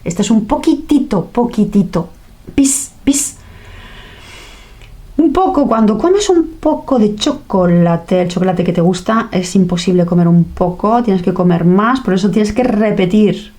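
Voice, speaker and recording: A woman's voice: medium pitch, moderate pace, hardly any pauses, warm tone. A woman teaching a language lesson in a playful way, acting out sounds and little reactions.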